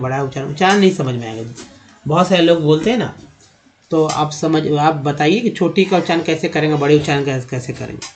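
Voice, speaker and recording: A man with a fairly high voice teaching a phonics lesson, talking the viewer through each vowel sound and answering his own questions. The recording is dull and lo-fi. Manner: explains step by step, often asking a question and then answering it; addresses viewers as friends, with frequent fillers like "jee haan". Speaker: English teacher. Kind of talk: Hindi-language phonics lesson.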